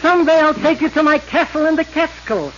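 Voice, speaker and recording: A high voiced hammy prince, doting and boastful, muffled old radio comedy. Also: male voice, brisk. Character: doting, boastful comic fairytale prince charming. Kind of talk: 1930s radio comedy acting. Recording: muffled, noisy 1930s radio broadcast.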